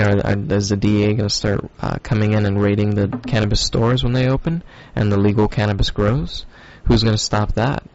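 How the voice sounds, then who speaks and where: A man's voice: on the low side, lo-fi sound. A man hosting a casual stoner podcast, talking in a loose, rambling, profane way with lots of fillers. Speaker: podcast host.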